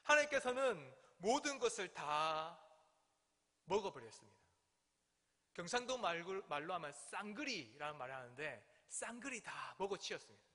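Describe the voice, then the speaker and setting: A male pastor preaching a sermon at a midweek prayer service, animated, with sudden drops to a hush. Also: a little high, normal speed. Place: church sanctuary. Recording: long church hall reverb.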